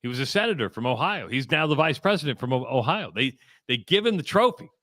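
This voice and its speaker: A man co-hosting talk radio, setting up stories toward a punchline. His voice has a bright, forceful edge and a mid pitch. The sound is close and dry in a studio. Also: very animated, quick pace, dry recording. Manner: storytelling, builds up to punchlines. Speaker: radio show co-host. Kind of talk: casual talk radio banter.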